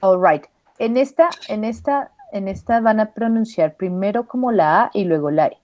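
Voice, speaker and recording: A woman's voice: mid-range voice, a little mellow, no echo, highs cut off. A Spanish-speaking woman teaching an English pronunciation class, patiently modelling vowel sounds and switching between English and Spanish. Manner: patient, models sounds slowly and repeats them.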